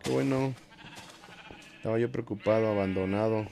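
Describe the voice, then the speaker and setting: A man's voice: on the low side, normal speed, vocal fry, noisy background. A man with a Mexican accent chatting casually and joking with his viewers while he plays, swearing freely. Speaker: game streamer. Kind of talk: casual live-stream chat while playing. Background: game music.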